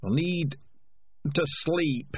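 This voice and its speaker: A man voicing an exhausted, frail old rat leader in a storybook reading, pitched well above his usual voice. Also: extremely slow, breathy edge, no echo, phone-quality sound, full character voice. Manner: weak, breathless.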